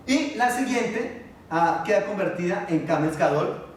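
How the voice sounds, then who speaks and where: A man teaching a Biblical Hebrew class, patiently asking his students questions and pausing on fillers. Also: sits high, expressive, recorded from a distance, a little hiss or hum. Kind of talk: classroom lesson. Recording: echoey room, voice from afar.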